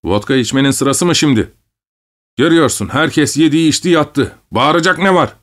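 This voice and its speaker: A man's voice: sits high, wildly swooping pitch, unhurried, voice pushed up, exaggerated voice. A man voicing a weary male village headman who scolds and coaxes. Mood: scolding, coaxing. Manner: scolding, then coaxing.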